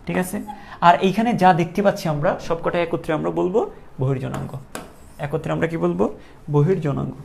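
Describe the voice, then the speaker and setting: A man's voice: fairly high pitch, fast, gravelly, a little mellow, a little hiss or hum. A male teacher giving a classroom lecture, asking questions and repeating each answer to drill the terms.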